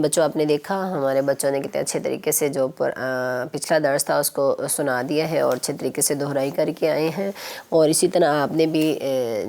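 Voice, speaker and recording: A woman's voice: sits low, gravelly, a little mellow. A woman host teaching children recitation on a TV program, speaking patiently and repeating her instructions to young viewers.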